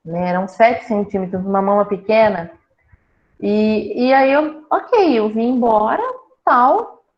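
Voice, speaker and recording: A woman telling her own cancer story in a casual talk, lively and joking as she acts out what people said. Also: mid-range voice, unhurried. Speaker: breast cancer patient sharing her story. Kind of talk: casual conversation. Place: small town in Brazil. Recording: dull lo-fi sound.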